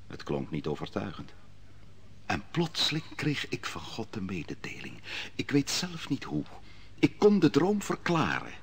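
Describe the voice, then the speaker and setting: The solemn young prophet Daniel. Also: male voice, lowish voice, slight background noise. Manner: solemn, dramatic, prophetic declaiming. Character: young prophet recounting a king's dream, solemn. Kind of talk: 1950s radio drama acting.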